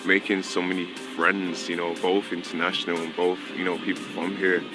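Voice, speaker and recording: Deep-voiced man over background music. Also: brisk. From Nigeria. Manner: relaxed, with fillers like "you know". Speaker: student interviewee. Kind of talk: documentary interview. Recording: video with music bed.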